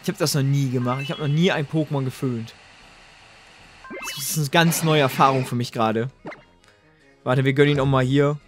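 A young man doing casual, slangy game commentary, talking excitedly to his viewers. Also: mid-range voice, a little fast, long pauses, soft background music. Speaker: let's play host.

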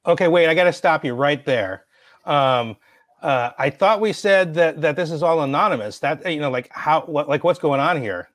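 A man's voice: on the high side, normal speed, a bit bright, no room sound. A man hosting a video-call interview, asking curious, informal questions with "um" and "like" fillers. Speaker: host.

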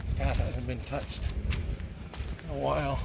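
A man's voice: medium pitch, flat delivery, a little slow. A man explaining things casually in short, repeated phrases while walking outdoors as a guide to local history. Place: outdoors on a wooded trail. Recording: outdoor recording with clear ambient noise.

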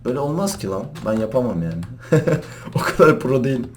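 A young man gives casual commentary while playing a parkour game at his computer. His voice swings widely in pitch, from low muttering to loud yells. Keyboard clicks come through behind him. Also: fast. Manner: excitable, shouting and laughing at jumps. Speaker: gaming YouTuber.

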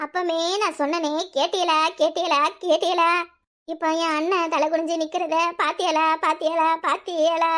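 A woman's voice: very high voice, little pitch movement, moderate pace, a bit bright. A woman voicing a sarcastic wounded sister. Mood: accusing. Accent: Kanyakumari Tamil. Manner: sarcastic, self-pitying.

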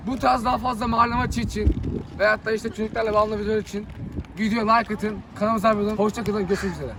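Quick, high-voiced young man hosting outdoors. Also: level tone, background noise. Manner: upbeat, rallying, quick-talking. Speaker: channel host. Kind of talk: casual outdoor vlog commentary. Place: outdoor neighborhood pitch.

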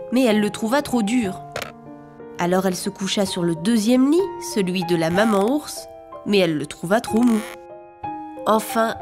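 Expressive woman reading a children's tale. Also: medium pitch. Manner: clear, expressive, rhythmic reading. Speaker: narrator. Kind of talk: storybook narration for young children. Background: music.

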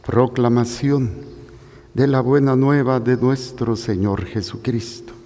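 Slow, solemn priest in an echoing church. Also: male voice, medium pitch, steady tone, mellow, a little hiss or hum. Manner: slow, solemn, measured delivery. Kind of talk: liturgical Gospel reading and homily. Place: church during Mass. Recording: long church reverb.

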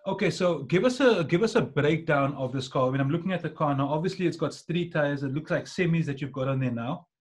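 A South African man hosts a casual podcast in a husky voice that sits a little high. He chats informally over a video call. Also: brisk. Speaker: podcast host. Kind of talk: casual interview chat. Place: dim indoor room, video call.

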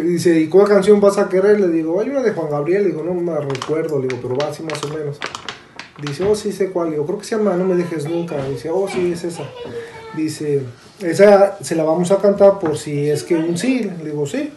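A woman recounting events in relaxed casual chat, going through each conversation step by step. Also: fairly low pitch, roomy sound, noisy background. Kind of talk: casual storytelling.

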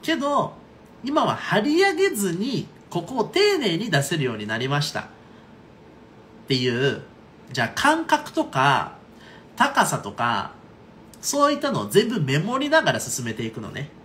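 Lively chatty male voice coach. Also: high-pitched, a little slow, a little hiss or hum. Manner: chatty, frequent "right?" and "okay?" check-ins. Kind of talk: casual online singing lesson.

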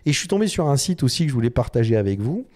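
Male vlogger talking design to camera, mellow, halting delivery with frequent restarts. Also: medium pitch, sing-song. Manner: hesitant, many fillers and restarts. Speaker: design video host. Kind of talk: casual explanatory talk to camera.

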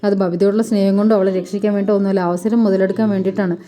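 Woman, very fast, flat monotone, dark voice, run-on spoken recap. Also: medium pitch. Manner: rapid, run-on retelling with fillers. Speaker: serial recap narrator. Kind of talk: fast spoken episode recap, retelling dialogue.

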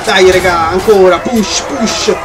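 A man with a Roman accent hosting live gameplay commentary, excitable, swearing and yelling at enemies. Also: high-pitched, takes it slowly, a loud crowd, very noisy. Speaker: gaming channel host.

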